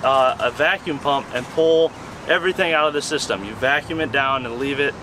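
Working outdoors beside a car, the host of a car vlog explains a repair in a casual, joking, self-mocking and chatty way. He speaks a little fast at medium pitch, and the noisy outdoor recording picks up engine sounds.

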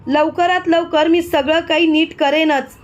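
A stubborn, quick-tempered mother-in-law who scolds the family. A woman reads her in her own high voice. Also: steady tone, highs cut off. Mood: angry. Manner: scolding, loud.

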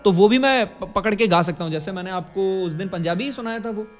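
Speaking fairly quickly, a high-voiced young man in his 20s with an Indian accent teaches singing and diction, explaining each step, demonstrating sounds and checking in with tag questions. The setting is a curtained indoor studio, where he talks into a condenser mic placed close in front, with faint music in the background.

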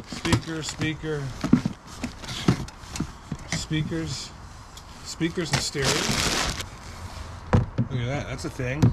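A man in his thirties casually rambling through his finds item by item, recorded on an action camera outdoors beside a vehicle. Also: on the high side. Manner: upbeat, rambling item-by-item chatter. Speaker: storage unit reseller vlogger. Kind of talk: casual unboxing commentary. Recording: loud background noise.

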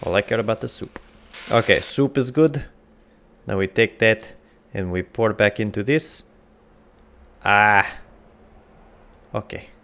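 A man's voice: fairly low pitch, slow pace, creaky, pauses often, fairly bright tone. A man casually narrating a cooking game in a put-on comic Russian accent, dropping articles and joking to himself as he goes. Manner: rambling, jokey, talks to himself while cooking. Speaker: gamer playing a cooking game. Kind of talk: casual gameplay commentary.

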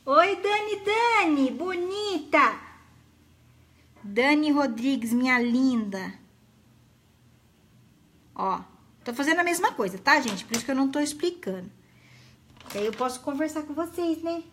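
A woman's voice: sits high, animated, moderate pace, pauses often. A middle-aged woman, hosting a live craft tutorial in a chatty, affectionate way and greeting viewers by name. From Brazil.

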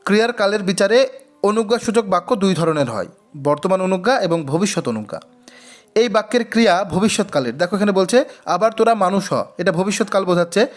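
A man teaching an exam-prep quiz lesson, reading each question twice before giving and explaining the answer. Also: high voice. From West Bengal.

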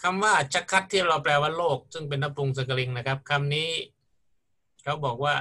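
A man's voice: mid-range voice, pushed and bright. A middle-aged man lecturing on grammar in a patient, explanatory way, often checking in with his students. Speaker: university lecturer.

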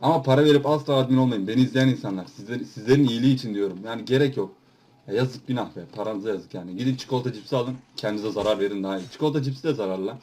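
A young man giving loud, swearing, teasing commentary over his own gameplay, talking to viewers and mocking other players. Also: medium pitch, very fast. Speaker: gaming YouTuber. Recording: background noise.

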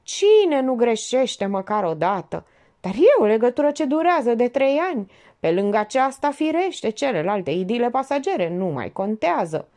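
Woman reader doing a smug preachy notary, pitched up, lively swoops, audiobook. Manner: theatrical, preachy, sentimental. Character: pompous middle-aged male notary, sanctimonious schemer. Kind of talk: audiobook character voice.

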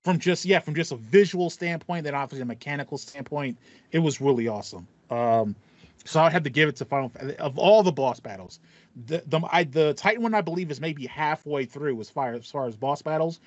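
Chatting about video games as a podcast co-host, this man in his thirties rambles enthusiastically and repeats himself, his fairly high voice expressive and fairly quick. The video-call headset audio from his small foam-treated home room sounds slightly muffled, without echo.

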